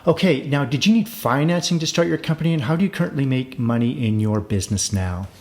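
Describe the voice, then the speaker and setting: A man's voice: medium pitch, lively intonation, fast talker, a little mellow. A man hosting an interview, reading a guest introduction and then asking structured questions. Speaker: host.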